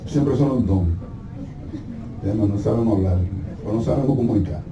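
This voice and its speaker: A man's voice: lowish voice, normal speed, distant mic. A man preaching a sermon as pastor, telling stories with humor and acting out voices. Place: church sanctuary. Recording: echoey hall from afar, faint noise.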